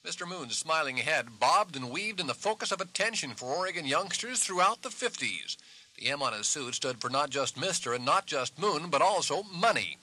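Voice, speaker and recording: A man narrating a television feature as a field reporter, measured and wry. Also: on the high side, expressive, bright, forceful tone, husky, low-quality recording. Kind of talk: scripted narration.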